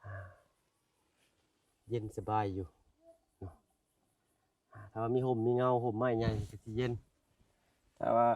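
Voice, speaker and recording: A village vlogger from northeastern Thailand, speaking with an Isan accent, talks at a measured pace with frequent pauses. His medium-pitched, darkish voice keeps fairly even intonation; the dry, echo-free recording has its highs cut off and catches him at a distance. He chats with passersby and greets viewers as brothers and sisters.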